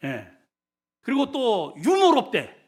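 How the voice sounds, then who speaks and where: A male senior pastor preaching a sermon, asking the congregation questions, with sudden loud bursts and quiet low asides. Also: wildly swooping pitch, takes it slowly, slightly rough. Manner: shouts often in his preaching; asks the congregation questions and has them repeat words.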